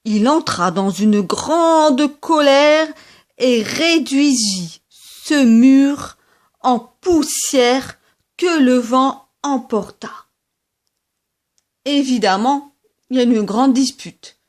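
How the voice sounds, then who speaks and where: A woman reading a children's story aloud in a gentle, lively storytelling manner. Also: high-pitched, drawn-out words.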